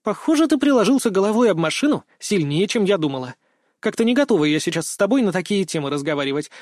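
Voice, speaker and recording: A bubbly, teasing teenage schoolgirl, as a male narrator puts her on, lifted high above his own voice. She fires off questions in a bright, playful rush. The recording is close and dry. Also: very animated, no room sound. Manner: teasing, rapid-fire questions. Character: chatty cheeky teenage schoolgirl.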